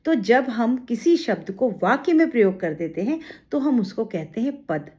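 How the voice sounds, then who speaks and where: A woman's voice: fairly high pitch, lively intonation, normal speed, dark tone. Woman teaching a patient grammar lesson. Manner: explains step by step with examples and rhetorical questions. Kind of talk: exam-prep grammar lesson.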